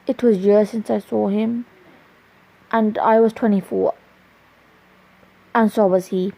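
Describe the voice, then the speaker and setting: A woman reading her own romance story aloud in a plain, halting way with small restarts, in a dull lo-fi recording. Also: mid-range voice, steady tone, creaky, mellow.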